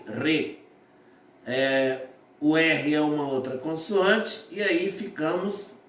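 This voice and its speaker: A man teaching a grammar lesson, talking slowly, repeating his points and sounding out syllables one by one. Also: on the high side, distant mic. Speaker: Portuguese teacher. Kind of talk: classroom lesson explaining phonetics. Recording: echoey room, voice from off-mic.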